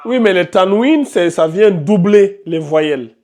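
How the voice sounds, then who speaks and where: Brief: high-pitched male teacher in a classroom, quizzes students, repeats terms. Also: expressive, measured pace, a little mellow. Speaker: Quran recitation teacher. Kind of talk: live classroom tajwid lesson.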